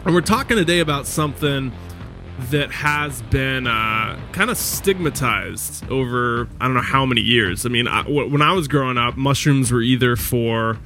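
A podcast host from the US Pacific Northwest conducts an interview in a casual, loose, easygoing way with plenty of fillers. His medium-pitched voice is pushed and bright, with lively intonation at a moderate pace and faint music behind.

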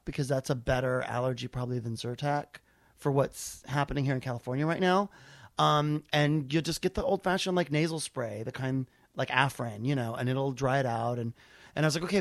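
A man's voice: mid-range voice, no echo, clean studio sound. An American man telling a personal story casually, acting out the conversations as he goes. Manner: animated retelling with quoted dialogue. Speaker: stand-up comedian.

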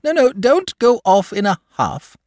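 A man's voice: very high-pitched, lively intonation, unhurried, a little mellow, no room sound, clean studio sound, voice pushed up, full character voice. A man voicing a lazy, talkative, genial male dragon in a fussy, hasty, old-fashioned manner. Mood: chatty.

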